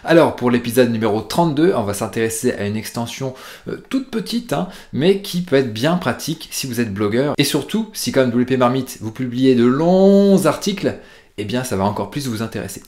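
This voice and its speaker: Brief: French man, mid-pitch, hosts a relaxed screen-share tutorial, talkative with lots of "euh". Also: normal speed. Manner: chatty, lively, with frequent fillers. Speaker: host of a plugin tutorial show.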